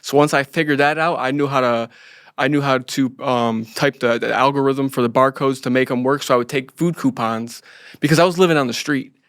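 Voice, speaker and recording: An American man in his late thirties telling his own story casually as an interview guest, haltingly and repeating phrases. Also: medium pitch, fairly even intonation, a bit bright, clean tone, no room sound, clean studio sound. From United States, grew up in Florida.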